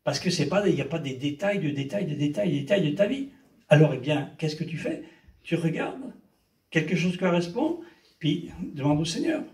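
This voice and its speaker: A man's voice: fairly high pitch, very animated, normal speed, a little mellow. An older man preaching a sermon as pastor. He preaches with emphasis and often breaks in with amen and hallelujah. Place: church. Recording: echoey church hall, mic at a distance.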